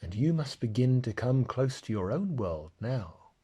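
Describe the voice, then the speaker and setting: A man voicing a great, gentle, wise male lion in a storybook reading, speaking low, slow and husky, close to a whisper. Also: big pitch swings.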